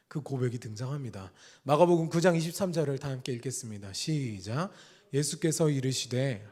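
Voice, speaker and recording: A man preaching a sermon in earnest, swinging between loud emphatic lines and quiet low asides. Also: in a large hall. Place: church sanctuary.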